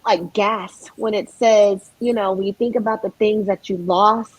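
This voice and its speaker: Husky woman, emotional, quick to laugh. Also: mid-range voice, fairly even intonation, rough recording. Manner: emotional, laughs often, many restarts. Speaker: guest singer. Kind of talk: casual podcast conversation.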